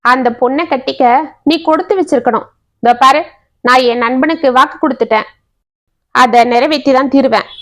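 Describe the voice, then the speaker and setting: A woman voicing a stern older father who lectures his son firmly. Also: high voice. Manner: lecturing, insistent.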